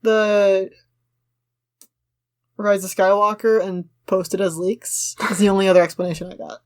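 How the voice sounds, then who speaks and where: A woman co-hosting a podcast reads a script aloud in a mid-range, flat, slightly slow voice. She comments on it in an opinionated, argumentative way during the casual discussion.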